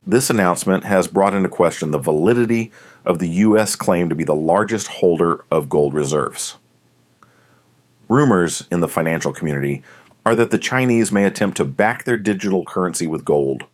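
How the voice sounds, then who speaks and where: A man narrating an audiobook in a measured, deliberate reading. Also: low voice, no echo. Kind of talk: scripted narration.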